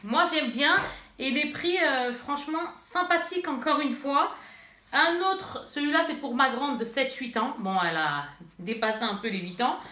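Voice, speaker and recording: Woman, mother, casual unboxing vlogger; high, bright voice, rambling, talks to viewers; roomy bedroom sound. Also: moderate pace. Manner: chatty, rambling, speaks straight to viewers. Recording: echoey room.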